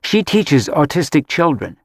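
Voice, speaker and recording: A man's voice: fairly high pitch, very animated, measured pace, dry recording, studio quality, pitched above the performer's own voice, full character voice. A man voicing an embarrassed young woman who answers her mother sternly and defensively, in an audiobook.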